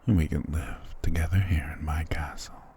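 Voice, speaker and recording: Playing a dominant vampire lord in an intimate ASMR roleplay, a man speaks at normal speed in an extremely low, dark voice with fairly even intonation. He dotes tenderly and possessively with formal endearments, in a seductive mood. A little hiss or hum is audible.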